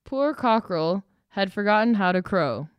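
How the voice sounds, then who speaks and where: A woman reading a children's picture book aloud in a slow, gentle, clearly paced way. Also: medium pitch, expressive, dry recording. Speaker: storybook reader.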